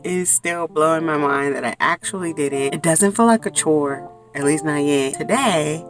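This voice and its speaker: A woman in her forties chatting to camera from inside a small clothes closet, telling a story in a chatty, expressive way. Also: low-pitched. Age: 40s. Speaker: vlogger. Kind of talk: casual chat to camera.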